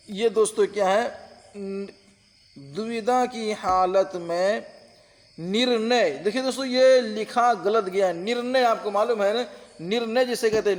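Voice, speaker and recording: His high voice is followed by a long reverb tail. This Urdu-Hindi translation teacher delivers an online exam-prep lesson on translation with patience, repeating terms and checking that everyone follows.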